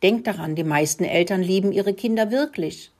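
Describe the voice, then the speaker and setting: A woman reads a children's storybook aloud in a breathy voice. She is gentle and speaks straight to the young listener. Her pitch sits in a middle range for a woman. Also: normal speed. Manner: gentle, addresses children directly.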